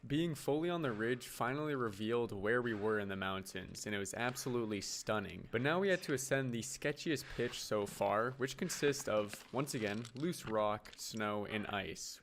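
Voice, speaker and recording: A man's voice: fairly low pitch, moderate pace, hardly any pauses, a bit bright, a little hiss or hum. Man narrating an adventure vlog. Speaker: climber narrating own expedition video.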